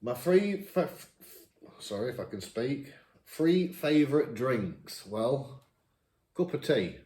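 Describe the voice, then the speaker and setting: A man in his fifties with a northern English accent, chatting casually as he answers viewer questions, each read out brighter. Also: medium pitch, expressive, slow, roomy sound. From England. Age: 50s. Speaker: vlogger. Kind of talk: casual Q&A chat.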